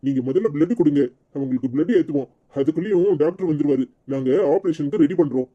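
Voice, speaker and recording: A man voicing a brisk hospital doctor who lectures his staff, with a Tirunelveli Tamil accent. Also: a little high, natural voice. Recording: dull lo-fi recording.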